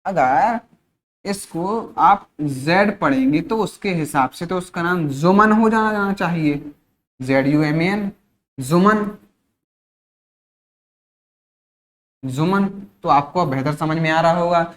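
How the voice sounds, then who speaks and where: A male teacher from India leads a spoken-English class. He drills each word slowly and repeats it, poses questions and answers them himself, and adds short check-ins throughout to keep students with him. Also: on the high side, fairly bright tone. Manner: repeats words slowly, asks and answers his own questions; frequent checking-in tag phrases.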